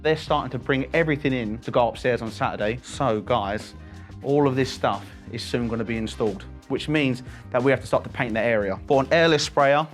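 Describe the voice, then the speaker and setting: A man's voice: medium pitch, brisk, faint music behind. A British man hosting a casual vlog tour of a building under renovation, talking in an enthusiastic, jokey, exclamatory way. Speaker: vlog host.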